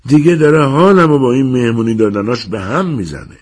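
A man's voice: mid-range voice, pitched above the performer's own voice, lightly acted. A man voicing a blunt, worldly neighborhood man in an audiobook, scolding plainly. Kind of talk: audiobook character voice.

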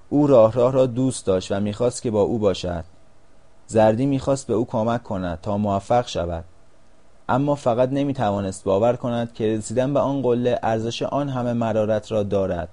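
A man narrating a storybook in a calm, measured reading voice. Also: lowish voice.

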